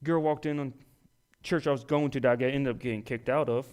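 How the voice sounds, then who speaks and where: A young man preaching a sermon in a folksy style, acting out other people's voices and building to loud, emphatic peaks. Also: medium pitch, fairly even intonation, a little fast.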